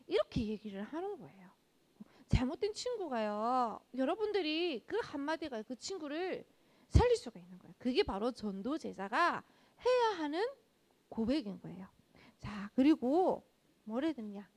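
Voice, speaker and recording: A woman's voice: high voice, sing-song, moderate pace, a little mellow. A woman preaching a children's sermon at a church, speaking straight to the kids, asking them many questions and acting out what children might say. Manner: addresses children directly with frequent rhetorical questions; acts out children's speech in quoted lines.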